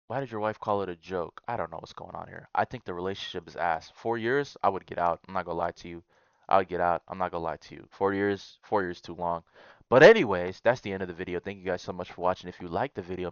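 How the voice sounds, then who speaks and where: A man doing casual reaction commentary on online posts, blunt and profane, breaking into loud outbursts. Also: low-pitched, clear, resonant tone, dry recording, lo-fi sound. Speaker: YouTuber reacting to Reddit posts.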